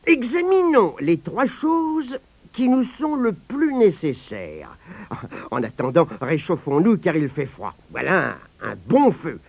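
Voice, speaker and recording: Brief: fretful peasant husband from a fairy tale, a little high, plaintive; a man voices him. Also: sing-song, slow pace, creaky, husky, no echo, exaggerated voice. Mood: musing. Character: poor peasant husband, cautious, easily upset.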